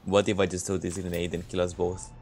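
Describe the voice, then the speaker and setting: A man's voice: low-pitched, completely flat delivery, fast talker, a little mellow, soft background music. A young man from Romania streaming a game, chatting casually with viewers in a laid-back, joking way with frequent laughs. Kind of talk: casual gameplay chat with viewers.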